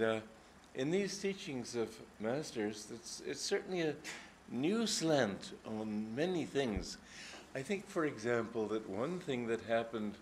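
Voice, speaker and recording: A man's voice: medium pitch, a little hiss or hum. Older man giving a reflective spiritual talk. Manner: reflective, anecdotal, unhurried with frequent hesitations. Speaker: spiritual teacher. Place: gathering hall.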